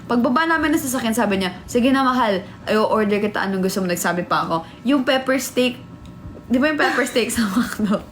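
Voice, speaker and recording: A young woman vlogging in a relaxed chat, her voice sitting a bit high as she tells a story with lots of animation and laughter. She acts out the lines people said to her. A faint hum of noise sits under the voice. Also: fairly quick.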